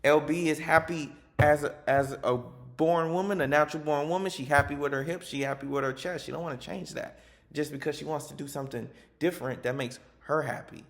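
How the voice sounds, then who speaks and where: A man speaks with passion and emphasis, giving a personal reflection from his life as a teacher. His voice sits a little high and has a gravelly, creaky texture. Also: steady tone, brisk.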